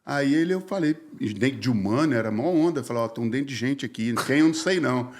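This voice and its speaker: Fast-talking slangy pastor. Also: male voice, medium pitch. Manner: slangy, animated, acts out quoted dialogue. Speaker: pastor, podcast guest. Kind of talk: casual testimony storytelling.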